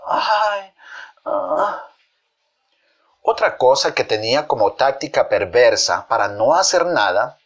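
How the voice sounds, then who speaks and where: A man narrating a children's fable with a mid-range voice. He tells it expressively, now and then asking his listeners questions directly. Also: medium pitch. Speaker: storyteller.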